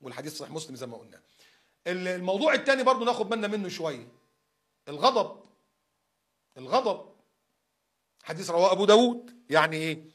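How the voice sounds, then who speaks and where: A man in his fifties preaching in a casual way with an Egyptian accent. He talks quickly, with a somewhat high voice. He acts out everyday scenes and keeps asking his listeners rhetorical questions. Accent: Egyptian Arabic. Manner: animated, acts out examples, asks rhetorical questions. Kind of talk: casual colloquial religious talk.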